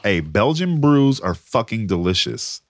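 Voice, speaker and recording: Man, podcast co-host, casual chat, profane banter, lowish voice, dry close sound. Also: sing-song, measured pace, no room sound. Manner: profane, laid-back banter.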